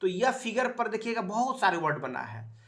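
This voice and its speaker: The man's voice is high-pitched, very animated and a bit bright as he coaxes a child through spelling during a home lesson. His prompts get repeated patiently, and his explanations are halting and peppered with fillers.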